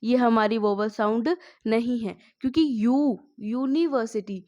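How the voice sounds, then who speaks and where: Lady teacher running an english class, fairly high voice, keeps asking "what do we use?" and answering it. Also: unhurried, darkish tone, lo-fi sound. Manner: asks the class questions and answers them herself. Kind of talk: spoken English lesson.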